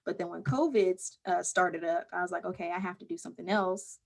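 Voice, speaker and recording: Woman counselor as interview guest, lowish voice, calm and measured. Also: vocal fry. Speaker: mental health counselor, guest. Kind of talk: conversational interview answers.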